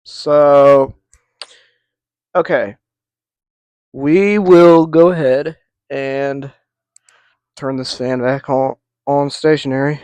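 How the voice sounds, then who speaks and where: Very slow with long pauses, a vintage fan collector narrates a casual demo of an old fan on his own channel, rambling and restarting as he goes. His mid-range voice is a little mellow and clean, fairly even in intonation, captured in a dry recording.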